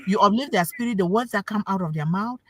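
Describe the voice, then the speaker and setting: On a talk show panel, a woman speaking as a parent gives an emphatic, preachy motivational talk, repeating key words for stress and posing questions to her listeners. Her voice is mid-range and her pace quick, with crowd noise in the background.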